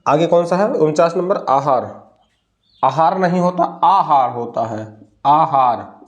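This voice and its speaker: A young man teaching a Hindi spelling lesson, who asks a question and then answers it himself, drawing words out slowly to stress them. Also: on the high side, animated.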